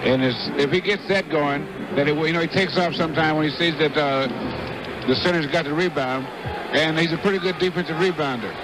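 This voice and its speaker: Halting man analyzing basketball, fairly high voice. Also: background noise. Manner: halting, hesitant phrasing. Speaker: color commentator.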